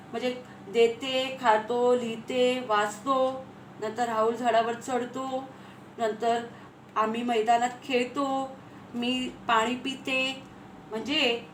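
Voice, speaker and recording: A woman teacher giving a grammar lesson, repeating key phrases slowly and asking her pupils questions. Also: fairly high pitch. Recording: echoey room, faint ambient noise.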